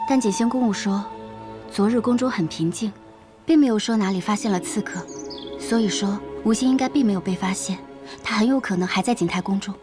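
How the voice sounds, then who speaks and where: An actress playing a calm, soft-spoken noblewoman who relays news in a level voice. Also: medium pitch, brisk, music in the background, natural voice. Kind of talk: period drama acting.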